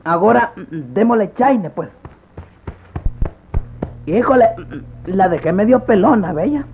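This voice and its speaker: A man plays a bungling, cocky country barber with a high, gravelly, pinched voice. He has a Central American accent and blusters his way through slapstick comedy on slightly muffled audio. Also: expressive, slow pace, faint music behind, exaggerated voice. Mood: cocky, busy. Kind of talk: slapstick comedy sketch acting.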